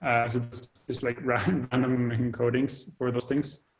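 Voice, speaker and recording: A man explains technical work over a video call, stopping and restarting often and filling pauses as he talks. His voice stays flat, with little rise or fall in pitch. The call audio breaks up now and then. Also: rough recording. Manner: hesitant, many fillers and restarts. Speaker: developer giving an update.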